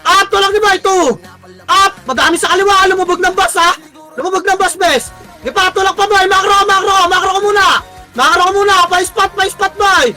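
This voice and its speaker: Filipino man, very high pitched voice, barking game commands, music faint behind. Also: fairly even intonation. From Philippines. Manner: barking rapid commands, swearing often. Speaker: team shotcaller. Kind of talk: live game commentary and team calls.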